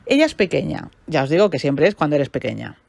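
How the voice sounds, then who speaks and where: A woman hosting a podcast, telling a client's story in an animated way, asking rhetorical questions. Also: sits low, fast talker, gravelly, no echo. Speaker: podcast host and therapist. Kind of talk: storytelling monologue.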